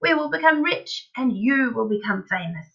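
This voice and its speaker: A woman voicing a wildly excited, bossy middle-aged farmer father in a children's storybook, gushing and impatient. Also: mid-range voice, moderate pace, muffled recording, natural voice. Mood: feverishly excited. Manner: emphatic, gushing, exclaiming, impatient. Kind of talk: dramatised children's storybook reading.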